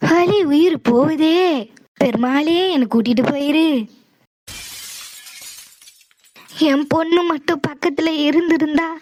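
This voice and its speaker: A woman's voice: extremely high pitch, dry recording. A woman voicing a scheming, self-pitying old mother-in-law in a cartoon, complaining and guilt-tripping. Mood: wailing. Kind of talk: cartoon voice acting.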